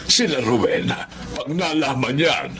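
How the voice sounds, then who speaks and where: An actor playing a cheerful elderly grandfather in a radio drama, talking loudly and chuckling. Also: medium pitch, measured pace, a little hiss or hum. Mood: proud. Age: older.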